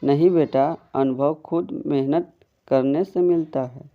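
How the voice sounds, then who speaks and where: A man voicing a gentle, patient old grandmother who answers her grandson kindly. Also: on the high side, slow, narrow, tinny audio.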